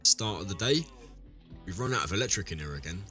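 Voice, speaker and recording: Low-voiced man, sick, rambling. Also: lively intonation, a little fast, bright, forceful tone, faint music behind. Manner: rambling, self-correcting, talks to viewers. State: ill, deeper voice than usual. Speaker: let's play host. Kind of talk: casual gameplay commentary.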